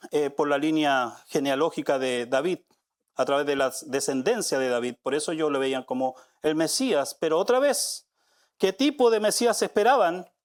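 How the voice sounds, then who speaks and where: A male pastor giving a live Sunday sermon in a church, pressing his listeners with repeated rhetorical questions and swinging between soft, low passages and louder, raised ones. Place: church sanctuary.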